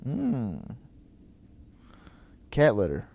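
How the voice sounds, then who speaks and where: A man in his thirties, a company chief on a podcast, joking in a deadpan way with drawn-out pauses. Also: medium pitch, creaky. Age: 30s. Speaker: podcast guest, company CEO. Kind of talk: casual podcast chat.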